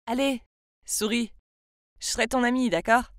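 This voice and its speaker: A woman's voice: fairly high pitch, steady tone, normal speed, dry recording, studio quality, close to an everyday voice. A woman voicing a blunt, protective schoolboy. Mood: gentle. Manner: blunt and scolding toward a bully. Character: kind, protective schoolboy friend.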